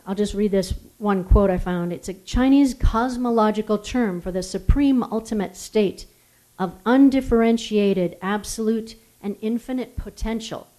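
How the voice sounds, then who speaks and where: A woman acupuncturist giving a community health talk, unhurried and teacherly, asking the audience questions as she goes. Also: mid-range voice, mellow. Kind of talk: community lecture with slides. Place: lecture room.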